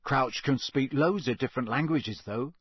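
A man's voice: medium pitch, moderate pace, a bit bright, breathy edge, no room sound. A man voicing Harry, a teenage schoolboy who speaks bluntly and flares into anger, in an audiobook reading. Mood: plain. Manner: blunt, angry. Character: teenage schoolboy hero, blunt and hot-tempered.

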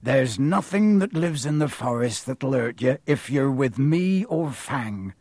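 A man voicing a gruff, fierce but big-hearted gamekeeper in an audiobook, with blunt, rustic, growling speech. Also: medium pitch, animated, a little slow, a little mellow, no echo. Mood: cautioning.

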